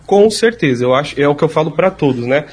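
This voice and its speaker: Husky man explaining patiently. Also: on the high side, lively intonation, fast. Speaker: speech therapist. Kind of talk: explanatory interview answers.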